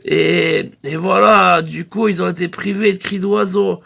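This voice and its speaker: A man telling a rambling comic story in a loose, hesitant way, now and then breaking into shrill bird-call squeals. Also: steady tone, measured pace, vocal fry, pushed and bright. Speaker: comedian.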